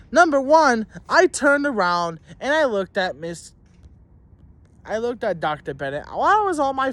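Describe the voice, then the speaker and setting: A man's voice: sits high, a bit bright. A young man, a student, ranting angrily to camera about teachers, rambling, swearing heavily and restarting his sentences. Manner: heated and indignant, mocking in tone. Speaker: student telling a school story. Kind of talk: angry profane rant to camera.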